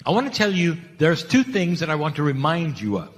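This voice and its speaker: Male spiritual channeler, slightly high voice, emphatic and repetitive, recorded with long hall reverb. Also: sing-song, brisk. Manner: emphatic, rhetorical questions, repeats key phrases. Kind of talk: channeled spiritual talk to an audience.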